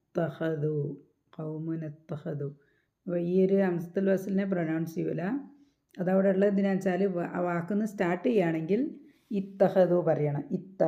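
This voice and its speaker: A woman teaching recitation rules step by step. She asks her own questions, answers them, and slows down to chant the example words. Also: on the low side, mellow, highs cut off.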